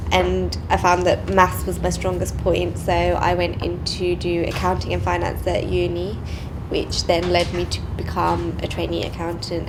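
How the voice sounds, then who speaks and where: Young london woman, trainee accountant, pretty flat delivery, noisy background. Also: fairly low pitch. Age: young adult. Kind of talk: interview. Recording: noticeable background noise.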